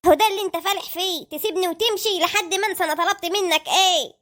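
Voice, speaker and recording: A woman's voice: very high voice, racing, fairly bright tone. A woman voicing a nagging, put-upon wife and mother in an Egyptian cartoon, with an Egyptian accent and a whiny, pleading way of talking. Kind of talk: cartoon voice acting.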